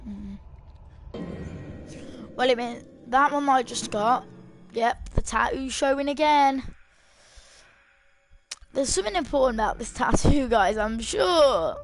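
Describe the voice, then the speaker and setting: Female gamer for casual play-along commentary, fairly high voice, unhurried delivery. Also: animated.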